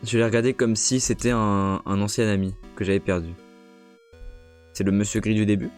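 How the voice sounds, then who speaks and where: A man's voice: lowish voice, fairly even intonation, normal speed, a little mellow, soft background music. Young male streamer, casual live play commentary, chatty and playful. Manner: chatty, jokey, reacts to scares. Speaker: streamer playing a horror game.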